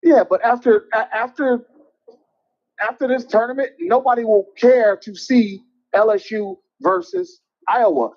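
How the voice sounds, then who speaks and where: A man calling in to a show from a parking garage, heard over a phone line that sounds like speakerphone, blunt and opinionated with halting restarts. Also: very high voice, lively intonation, creaky. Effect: phone call that sounds like it is on speakerphone. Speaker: caller. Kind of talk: casual call-in chat.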